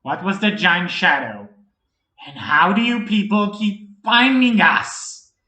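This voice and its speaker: A young halfling fugitive, raw and agitated, who snaps his words out, voiced by a male reader. His voice runs high and swings widely. The audiobook has a roomy echo. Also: lively intonation, slow, bright, forceful tone, heavily acted. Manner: agitated, snapping.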